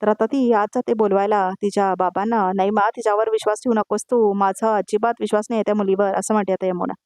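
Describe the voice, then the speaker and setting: Brisk woman narrating a serial recap. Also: mid-range voice, flat delivery, darkish tone, dry recording, clean studio sound. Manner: retells scenes line by line, tagging each quote; addresses viewers directly with asides. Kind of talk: voice-over episode recap.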